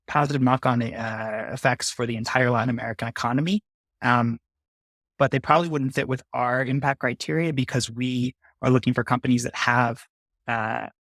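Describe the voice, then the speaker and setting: A man guest in an interview explains things methodically, step by step, with frequent "uh" fillers. His voice sits at a mid pitch, recorded dry and close. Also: a bit bright, dry recording. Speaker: fund manager guest. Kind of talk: interview conversation.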